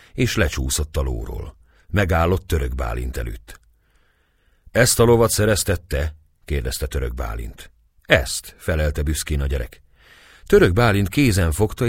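Man, audiobook narration, expressive, extremely deep, dry. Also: husky, no room sound. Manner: expressive storytelling. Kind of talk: scripted narration of a historical novel.

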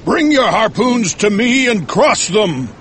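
Fierce high-pitched Captain Ahab, obsessed. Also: male voice, big pitch swings, a little slow, fairly bright tone, slight background noise, heavily acted. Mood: commanding. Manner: roaring, intense, dramatic declaiming. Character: fierce, obsessed, vengeful whaling captain with an evil streak. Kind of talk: dramatized audiobook character voice.

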